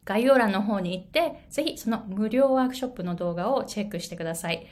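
Animated Japanese woman coaching pronunciation. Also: mid-range voice, quick pace. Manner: animated storytelling with many fillers. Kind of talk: casual video lesson.

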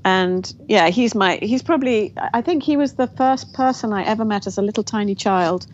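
Speaking at a moderate pace in a mid-range voice, a woman from England appears as a guest author in an interview. Her telling of her family story is reflective, with many restarts, and the audio is dull lo-fi with faint noise.

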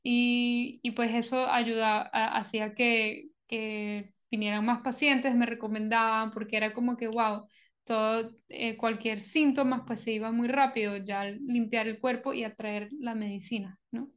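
A woman's voice: a little high, little pitch movement, measured pace. Hesitant Venezuelan woman, podcast guest. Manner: hesitant, many fillers and restarts. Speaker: guest, doctor of Chinese medicine. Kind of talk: casual podcast interview.

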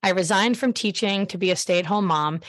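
A woman's voice: medium pitch, moderate pace, dry recording. A middle-aged woman talking casually and enthusiastically as a podcast host, with a friendly, emphatic delivery. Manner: friendly, emphatic, direct address to listeners.

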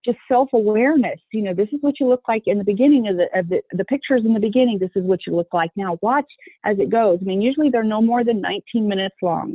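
A woman's voice: mid-range voice, quick pace, breathy edge, dry recording. A woman being interviewed about her work with children, talking earnestly, restarting her sentences and acting out voices when she quotes people. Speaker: guest running a youth horse program. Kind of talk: conversational interview. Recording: tinny phone-line sound.

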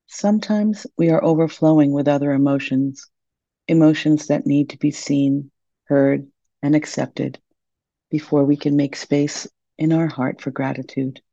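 Soft, creaky woman guiding meditation. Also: low voice, steady tone, measured pace, dry recording, lo-fi sound. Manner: soft, soothing, gentle delivery. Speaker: meditation guide. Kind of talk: guided meditation.

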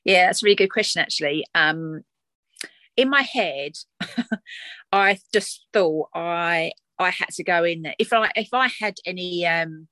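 A woman with an Essex twang talks casually and reflectively, as a guest would. Her voice sits a little low. The sound is dry, with little room around it, and her delivery is chatty and conversational. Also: measured pace, bright, forceful tone, no echo. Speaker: doula, interview guest.

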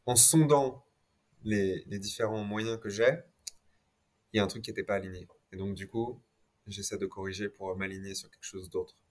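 A man's voice: lowish voice, level tone, fairly quick. A man speaking as an interview guest, reflecting conversationally on his experience and dropping occasional English words into his French.

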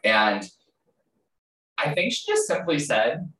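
A man's voice: mid-range voice, big pitch swings, takes it slowly, bright, forceful tone. Chatty host man, roomy and distant. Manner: chatty, many fillers and restarts. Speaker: podcast host. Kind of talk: casual interview chat. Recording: roomy sound, distant from mic.

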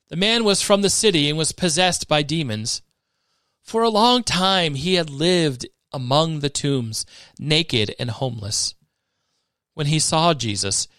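Man reading scripture, slightly high, dry. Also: clean tone, dry recording. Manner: measured, expressive reading that rises for dramatic moments. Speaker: scripture reader.

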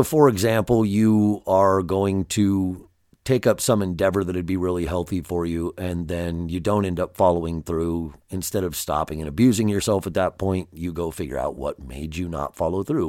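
Guy w low gravelly allergy-stuffed voice, talking straight to you like a self-help podcast host, dry close sound. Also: a little mellow, no echo. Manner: direct, plain-spoken, addresses the listener. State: congested by allergies. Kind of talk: self-help monologue, conversational.

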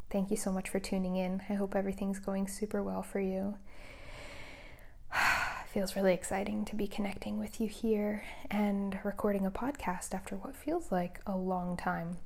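A woman hosting a casual solo podcast, talking softly in a hushed near-whisper at home so that someone in the next room is not disturbed. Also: medium pitch, creaky. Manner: soft, hushed near-whisper to keep quiet. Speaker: podcast host.

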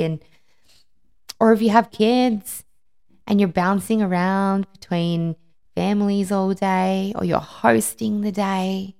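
A woman's voice: fairly low pitch, vocal fry, darkish tone. A woman podcast host talking conversationally and empathetically, giving personal advice with emphatic repeated words. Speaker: podcast host, life and wellbeing coach.

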